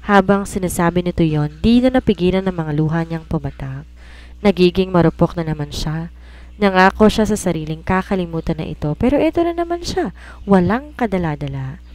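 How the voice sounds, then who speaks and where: A woman's voice: on the low side, lively intonation, brisk, a little mellow, rough recording. Woman narrating a romance story.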